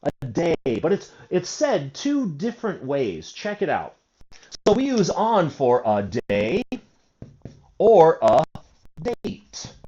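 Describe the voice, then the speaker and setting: In a dull lo-fi recording, a man in his forties with a mellow, fairly high voice gives an English grammar lesson. He answers his own questions and lingers on key words.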